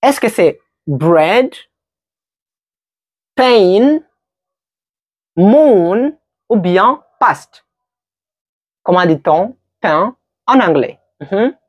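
Slow, patient woman teaching vocabulary. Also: mid-range voice, lively intonation, a little mellow, slightly rough, no room sound. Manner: slow, patient, repeats words for learners. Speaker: English teacher. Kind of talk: slow vocabulary quiz lesson.

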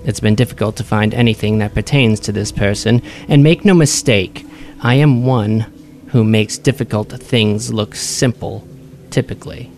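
A man's voice: on the low side, normal speed, hardly any pauses, a little mellow, a little hiss or hum, lightly acted. A man voicing a composed, haughty sorceress in a tabletop game, speaking formally. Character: composed, proud sorceress woman.

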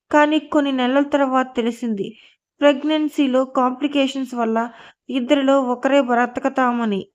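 Brief: woman reading as a grieving young woman's farewell letter in a storybook audio drama, slow sad confession, lo-fi sound. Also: high voice, lightly acted. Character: dying young woman, sorrowful and resigned. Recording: dull lo-fi audio.

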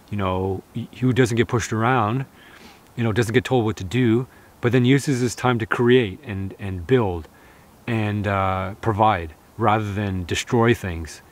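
Earnest thirties man, slightly low voice, casual to-camera advice outdoors, lots of fillers. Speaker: outdoor vlogger. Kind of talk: casual talk to camera, reading viewer comments. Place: outdoors in a snowy forest. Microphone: camera close in front, seated.

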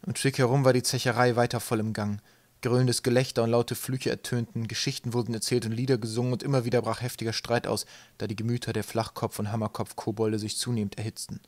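Brief: male narrator, mid pitch, steady audiobook read, dry close mic. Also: fast talker, no echo. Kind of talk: audiobook reading.

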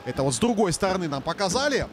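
High-voiced male hockey commentator over rink noise. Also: sing-song, rapid-fire. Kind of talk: live sports commentary. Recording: clear arena noise behind. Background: noisy ice rink ambience.

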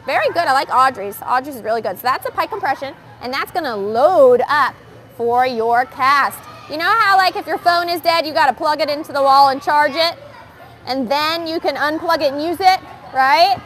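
High-voiced upbeat woman gymnastics coach. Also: normal speed. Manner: upbeat, switches between calm explaining and loud calls to the kids. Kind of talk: live coaching demo addressing kids and viewers. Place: indoor gymnastics gym. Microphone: wearing the microphone.

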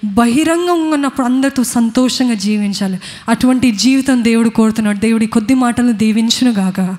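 A woman's voice: fairly high pitch, brisk, a little mellow. A woman with a Telugu accent preaching a sermon, earnestly questioning her congregation. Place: church. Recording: long hall reverb.

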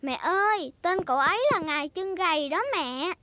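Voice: extremely high pitch, moderate pace, very noisy. A performer voicing a bossy, cheerful little girl piglet in a cartoon dub, talking in an emphatic, childish way. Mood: bossy, eager. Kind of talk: cartoon dubbing.

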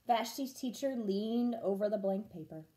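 A young woman reading a picture book aloud to children, deliberate and expressive. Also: medium pitch, poor audio. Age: young adult. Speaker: teacher reading a story to children. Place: room at home.

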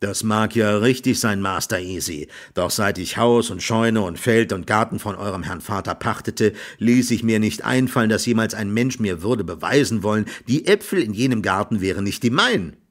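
A man reading an audiobook voices an excitable, blustering middle-aged male tenant farmer who talks loudly in exclamations. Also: on the low side, moderate pace, few pauses, natural voice. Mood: talking it over. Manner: loud, exclaiming, scolding.

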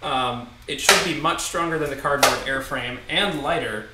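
A young man in his twenties hosting a casual livestream from a home kitchen, relaxed and laughing as he reads viewer messages, heard from a far camera. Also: mid-range voice, normal speed. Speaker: host. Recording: echoey kitchen from a distance, loud noise.

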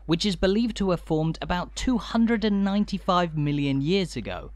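A man giving scripted, measured narration for a walking tour, informative with a light dry humour. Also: high-pitched, lively intonation, darkish tone, dry recording.

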